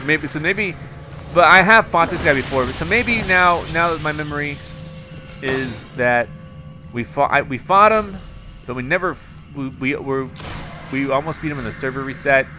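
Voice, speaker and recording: A young man giving casual, rambling commentary over his own gameplay, mocking himself and breaking into excited yells. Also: mid-range voice, background noise. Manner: self-mocking, rambling, bursts of excited yelling. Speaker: gaming commentator.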